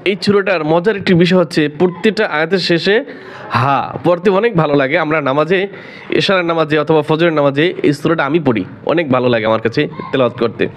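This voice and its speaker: A man teaching recitation, unwell with a sore throat and cough, who alternates brief explanations with slow, drawn-out chanted verses. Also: on the high side, a little hiss or hum. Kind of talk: tajweed lesson with slow recitation. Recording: dull lo-fi recording.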